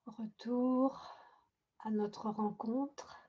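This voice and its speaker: Gentle woman leading a meditation call. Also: fairly high pitch, steady tone, breathy edge. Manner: gentle, unhurried, with frequent restarts. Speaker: meditation group leader. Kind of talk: guided meditation session on a video call. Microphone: video call. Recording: muffled video-call audio.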